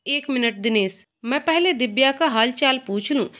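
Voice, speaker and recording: A woman's voice: high voice, expressive, moderate pace, fairly bright tone. A woman voicing a cool, mocking young woman in a read-aloud story. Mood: taunting.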